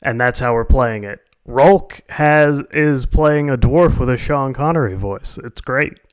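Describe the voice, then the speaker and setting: A man's voice: mid-range voice, unhurried, clear, resonant tone, dry recording. A man hosting a live stream, chatting casually with friends and joking in a laid-back way. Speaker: streamer host.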